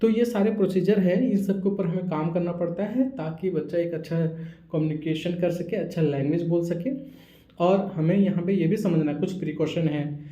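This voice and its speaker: A man's voice: high voice, moderate pace, warm tone, echoey room, muffled recording. A man who works as a speech therapist, explaining to parents how to build communication skills in children, often checking that they follow. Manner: explanatory, repeats "samajh rahe ho?" to check understanding. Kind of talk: teaching talk to parents. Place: therapy center room.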